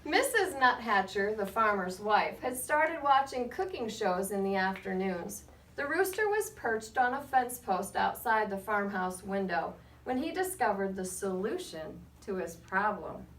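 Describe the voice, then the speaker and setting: As a guest storyteller, a woman reads a picture book aloud to children, expressive and measured, adding short asides to her listeners. Her voice is mid-range, and the recording is roomy, with a distant mic and faint background noise.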